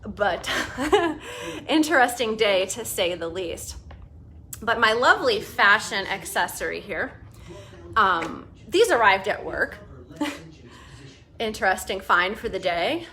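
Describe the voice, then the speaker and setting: A woman's voice: medium pitch, lively intonation, slow, sharp tone. A woman hosting a casual live video chat through a mask and face shield, rambling along with jokey asides. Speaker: livestream host.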